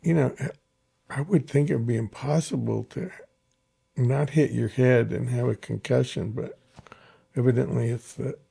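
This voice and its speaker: An older man with a gravelly, slightly husky voice and a mellow, dark tone. He hosts a podcast conversation in a relaxed, halting way, often doubling up on his words before getting them out. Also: mid-range voice. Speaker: podcast host and therapist. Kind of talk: casual conversation.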